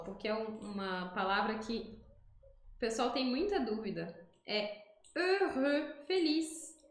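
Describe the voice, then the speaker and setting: A Brazilian woman who teaches French, explaining pronunciation patiently and slowly repeating the French words for her students. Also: high voice, roomy sound. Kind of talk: online language lesson with screen demonstrations.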